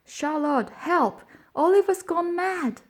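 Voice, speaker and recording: A woman reading an audiobook, voicing a bullying older boy who taunts and then cries out in high, shrill panic. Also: expressive, measured pace, vocal fry, a little mellow. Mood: panicked.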